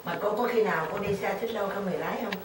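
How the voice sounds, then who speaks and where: A woman's voice: medium pitch, rapid-fire. An older woman, telling a story in a casual chat and acting out the voices of the people in it. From Vietnam. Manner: animated storyteller, acts out quoted voices. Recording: roomy, distant radio recording with background noise.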